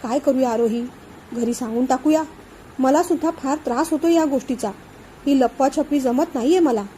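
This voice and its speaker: Vishant is a caring young man, earnest and reassuring, gentle in every word of this storybook, as a woman narrator puts him on. Her voice stays fairly high and mellow, dipped a little lower for him. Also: normal speed, slight background noise, lightly acted, poor audio. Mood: earnest, worried.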